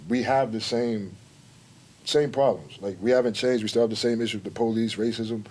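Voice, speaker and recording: A middle-aged man talks as a podcast guest in a low voice. He makes his points earnestly, slowing down to stress key words in a casual chat. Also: steady tone, warm tone. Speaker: guest artist.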